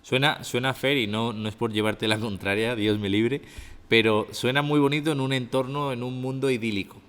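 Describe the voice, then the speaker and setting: A man's voice: mid-range voice, steady tone, normal speed, a bit bright, clean tone, big-room sound. A man, co-hosting a podcast, who politely cuts in with questions and objections. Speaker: podcast co-host. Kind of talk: conversational podcast talk.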